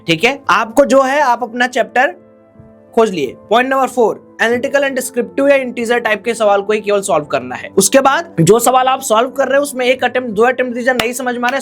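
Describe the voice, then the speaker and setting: A man's voice: extremely high pitch, fairly bright tone. Man giving blunt exam advice. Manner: direct, exhorting, addresses viewers as friends. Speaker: exam coach.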